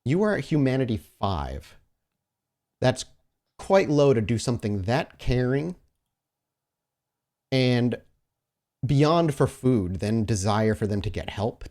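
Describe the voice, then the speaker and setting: With a fairly low, slightly mellow voice, a man acts as game master, narrating a tabletop roleplaying session. He talks directly to his player, conversational and descriptive, weaving improvised storytelling together with casual table talk.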